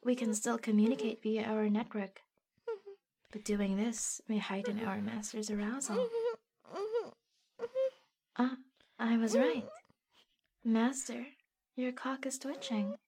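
A woman voicing a calm female android servant, speaking in even, polished robotic phrasing. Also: on the high side, takes it slowly, long pauses, slight background noise. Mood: smooth, clinical.

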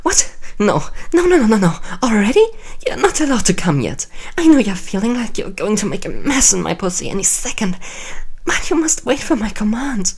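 A woman playing a seductive, commanding queen in an intimate audio roleplay, talking in a breathy, whispery, teasing way. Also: fairly low pitch, lively intonation, slow pace, pauses often, a little mellow, full character voice. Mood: heated.

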